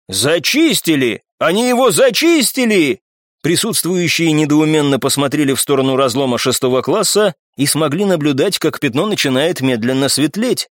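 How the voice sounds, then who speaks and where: Male audiobook narrator, expressive, animated, slightly high voice, dry close recording. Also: no room sound. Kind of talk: scripted narration.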